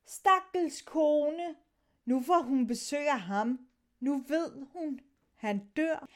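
A woman with a high-pitched voice reads a sailors' story aloud. She shifts her tone as she moves between the sailors' lines. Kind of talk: dramatic reading of a sea story.

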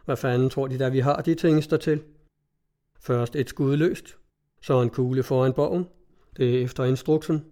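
A man reading a gruff hot-tempered skipper. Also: mid-range voice, fairly even intonation, warm tone, lightly acted. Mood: gruff, scornful. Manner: barks orders, gruff and blunt. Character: hot-tempered middle-aged male cutter skipper.

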